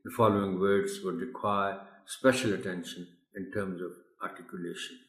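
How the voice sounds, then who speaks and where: Slow, deliberate male pronunciation tutor. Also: deep voice, steady tone, roomy sound. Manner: slow, deliberate, repeats words to model stress; addresses listeners politely and formally. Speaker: English pronunciation tutor for teachers. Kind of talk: tutorial lesson explaining pronunciation.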